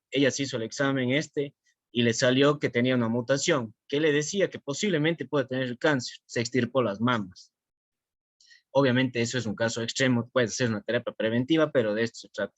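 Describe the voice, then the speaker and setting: Male lecturer, measured and explanatory, dry lo-fi call sound. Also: medium pitch, a bit bright, dry recording. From southern Ecuador. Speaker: guest lecturer. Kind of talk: online conference talk. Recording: dry, dull lo-fi call audio.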